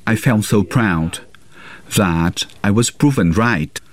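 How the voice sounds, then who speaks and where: Low-voiced man giving a translation voice-over. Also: slow pace. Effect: translation voice-over in the first person. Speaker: interpreter voicing an interviewee. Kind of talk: translated interview testimony.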